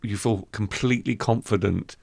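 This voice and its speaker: A man's voice: fairly low pitch, steady tone, normal speed, creaky, darkish tone, no echo. A man hosting a literary podcast, thoughtful and given to restarting his sentences as he talks about books. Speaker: podcast host. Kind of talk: literary discussion.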